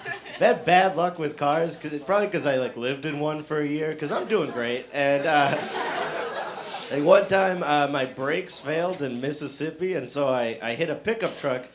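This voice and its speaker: Comedian dude doing standup in a club, kinda high voice, lots of uh and like, noisy live recording. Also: male voice, moderate pace. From South Shore of Massachusetts. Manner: self-deprecating, filler-heavy delivery with acted quotes. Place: comedy club stage with audience.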